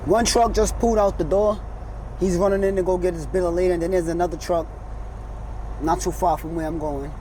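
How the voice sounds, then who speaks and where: A man's voice: high-pitched, fairly even intonation, brisk, mellow, slight background noise, poor audio. A man, a truck driver, chatting casually from his truck cab. He speaks with a slight slur and lisp from braces, in an easygoing, slangy, rambling way. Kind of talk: casual chat.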